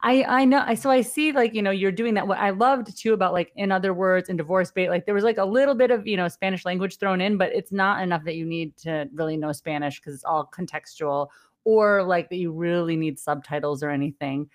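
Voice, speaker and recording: A middle-aged woman with a slightly low voice hosts a casual podcast interview. She talks in a loose, rambling way, full of fillers and quick laughs. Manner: chatty, laughs often, many fillers. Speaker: podcast host.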